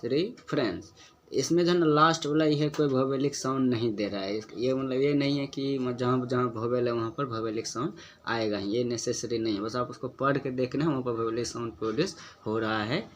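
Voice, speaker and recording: A man teaching a lesson on poetic meter, going step by step, asking and answering his own questions and slowly repeating example words to show their stress. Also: mid-range voice.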